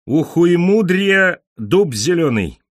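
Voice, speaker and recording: A man voicing a cocky, foul-mouthed male pigeon who jeers in slow, drawn-out, mocking cries in an animal storybook reading. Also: medium pitch, big pitch swings, no echo, studio quality, pitched above the performer's own voice.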